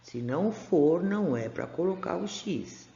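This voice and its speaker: Woman, Brazilian Portuguese accent, teacher, patient, slow drawn-out syllables, gravelly voice, echoey dull room sound. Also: fairly low pitch, lively intonation, dark tone. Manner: patient, stretches out syllables, asks the class questions. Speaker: primary school teacher. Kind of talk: recorded remote class for first graders. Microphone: camera pointed at a workbook.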